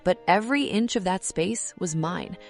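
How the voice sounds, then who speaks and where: A woman with a lowish voice narrates a scripted first-person story. Her delivery is calm and measured, broken into short, deliberate phrases. Faint music plays quietly behind her.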